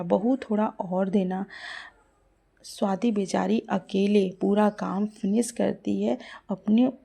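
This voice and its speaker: A woman narrating a cartoon moral story in a sympathetic, expressive way. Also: medium pitch.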